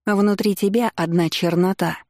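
A woman's voice: mid-range voice, fairly even intonation, normal speed, a little mellow, no room sound, studio quality, lightly acted. A woman reading an audiobook, voicing a furious, jealous young aristocratic witch who sneers and accuses. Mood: accusing. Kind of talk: audiobook character voice.

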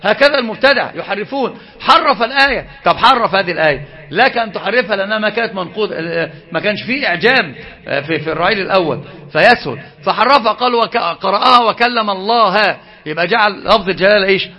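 Fast, high-voiced man teaching. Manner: animated, asks the audience questions and answers them. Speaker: religious teacher. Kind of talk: Islamic lesson.

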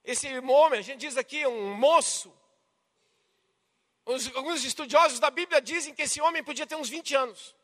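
A Brazilian Portuguese preacher with a strikingly high, bright voice delivers a dramatic sermon. He swings between forceful outbursts and hushed, intimate passages. His voice rings through a church hall with long reverb. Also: normal speed. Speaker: pastor.

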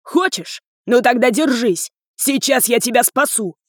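A woman voicing an enraged, brutish older father-in-law who bellows and shouts abuse. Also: on the high side, expressive, a little slow, dry recording, clean studio sound, voice pushed up. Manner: roaring, abusive shouting.

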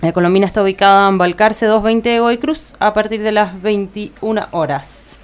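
A woman with an Argentine Spanish accent reads an events agenda on a community radio show. She pauses on fillers and corrects herself as she goes. Her voice is smooth and clear, sitting at a middle pitch. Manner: reads listings with frequent "eh" fillers and self-corrections. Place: radio studio.

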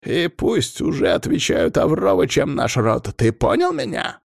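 A man voicing a furious, domineering old male clan head who yells and scolds down the phone. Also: medium pitch, sing-song, normal speed, vocal fry, dry recording, clean studio sound, pitched above the performer's own voice, heavily acted. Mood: furious scolding.

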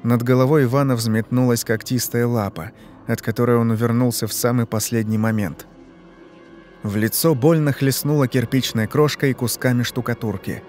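A man narrating a horror story in a steady, measured way. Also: mid-range voice. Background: faint music.

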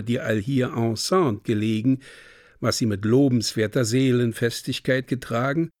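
A man narrating a radio drama in a measured, ornate storytelling manner. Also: mid-range voice, no room sound, clean studio sound.

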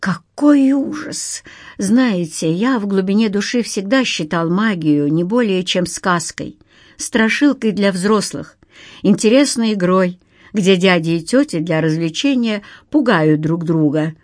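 A woman's voice: medium pitch, expressive, measured pace, no echo, clean studio sound. A woman voicing a panicky, hysterical young male banker in an audiobook, with frantic, sobbing pleas. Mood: fearful.

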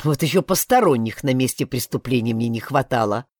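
A woman voicing a gruff male sheriff who grumbles and speaks curtly. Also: low voice, wildly swooping pitch, normal speed, no echo, clean studio sound. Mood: grumbling. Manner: grumbling, curt.

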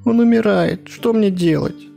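Casting: man voicing an anxious pleading young wife, high, mellow. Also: fairly quick, faint music behind, close to an everyday voice.

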